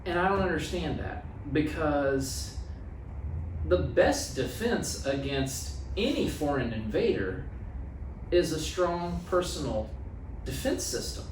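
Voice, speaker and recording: In a small office meeting room, a small-town American health practitioner in his thirties guests on a relaxed podcast, speaking plainly and repeating phrases to stress them. His fairly high voice is sing-song and slow. He's off-mic from a boom-arm podcast microphone, so the audio is roomy and distant with faint noise.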